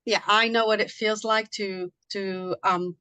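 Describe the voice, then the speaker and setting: A woman's voice: mid-range voice, fairly even intonation, a little slow, pushed and bright, clean tone, no room sound, poor audio. A middle-aged woman from Liberia, speaking casually as an interview guest, talking in a chatty way with many fillers and restarts. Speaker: guest, immigration consultant.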